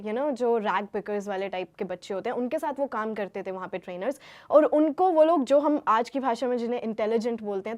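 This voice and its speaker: A young woman from Haryana, a guest in casual chat, lively, laughing often and switching between two languages. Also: a little high. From Haryana, India. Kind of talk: casual chat mixing Hindi and English.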